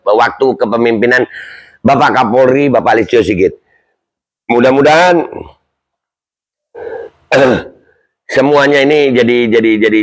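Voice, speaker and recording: Male commentary host, mid-pitched, conversational and self-questioning. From Indonesia. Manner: chatty, rhetorical, asks himself questions, reads news aloud. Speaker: channel host commenting on news. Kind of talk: casual commentary vlog.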